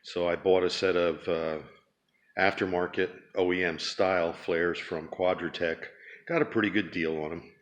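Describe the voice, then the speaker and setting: A man from Pennsylvania giving a casual, halting walk-around of his car restoration project, with lots of ums and uhs, filmed on a handheld camera in a garage. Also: low voice, fairly even intonation. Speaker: DIY car restoration vlogger.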